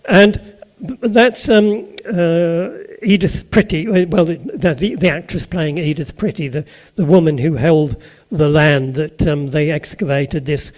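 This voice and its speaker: A man's voice: a little high, slow, darkish tone. An older man with a Suffolk accent gives an anecdotal sermon to a live audience. He talks in a chatty way, tosses questions to the listeners and drops in jokey asides. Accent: Suffolk English. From Suffolk, England.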